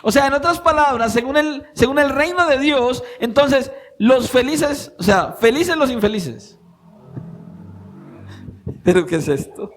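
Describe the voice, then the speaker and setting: A man with a notably high voice preaches to his congregation in church. He presses his points with rising emphasis, then drops into soft, intimate asides, and keeps turning rhetorical questions on his listeners. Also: animated, unhurried. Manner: swings between raised emphatic preaching and quiet intimate asides. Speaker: pastor. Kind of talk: sermon.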